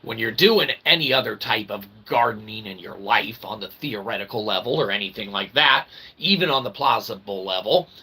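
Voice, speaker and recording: Speaking at normal speed with almost no pauses, this host of an online philosophy show has a fairly low, husky voice that sounds pushed and bright. His rambling, tongue-in-cheek lecture is dressed in wordy mock-academic language, dotted with frequent "all right, okay" check-ins.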